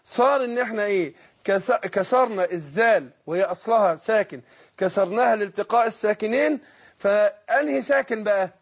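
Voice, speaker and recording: High-voiced Egyptian man teaching recitation. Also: husky. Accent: Egyptian Arabic. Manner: explains patiently, asks himself questions, stretches out recited words slowly. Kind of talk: call-in recitation lesson.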